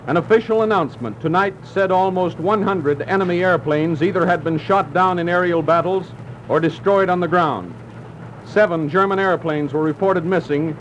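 A male announcer with a slightly raised pitch reads bulletins in a crisp, clipped manner. His voice comes through an old newsreel-style archival broadcast, muffled and dulled. A faint hiss sits under it. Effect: old newsreel-style archival broadcast sound. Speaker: radio news announcer. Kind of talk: formal news bulletin reading. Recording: muffled, hissy old radio recording.

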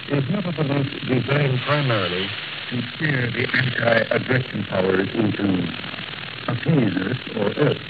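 Noisy, muffled male shortwave correspondent. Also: mid-range voice. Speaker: foreign radio correspondent. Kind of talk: 1940s scripted radio news report.

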